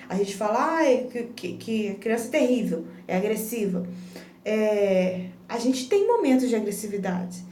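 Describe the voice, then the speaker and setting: A woman's voice: high-pitched, warm tone, far from the mic, slight background noise. Earnest woman on an echoey phone. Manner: earnest, explanatory, often restarting phrases. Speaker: parenting educator. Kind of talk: casual live-stream talk. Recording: roomy echo, phone held back from the speaker.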